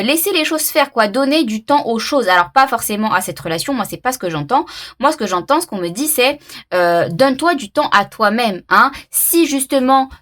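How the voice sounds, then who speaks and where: Woman, tarot reader, casual card reading, chatty, lots of fillers, fairly high voice, lively melody. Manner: chatty, thinking aloud with many fillers and restarts.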